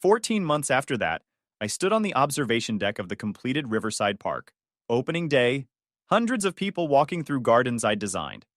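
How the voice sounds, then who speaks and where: A man narrating a first-person story in a measured, cool tone. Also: medium pitch, big pitch swings, a bit bright, no room sound, clean studio sound.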